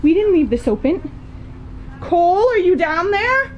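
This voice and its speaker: A middle-aged family vlogger films a spooky clip on a handheld camera, exclaiming in puzzled disbelief as she goes from a backyard garden down into a dim basement. Her voice is extremely high and sing-song at a measured pace, and the recording is muffled with slight background noise.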